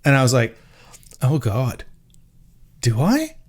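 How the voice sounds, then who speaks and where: In a casual podcast chat, a co-host from Sydney talks slowly with huge swings in his medium pitch. He rambles, restarts sentences partway through, and laughs easily. His Australian accent is mild, worn down by years living in America.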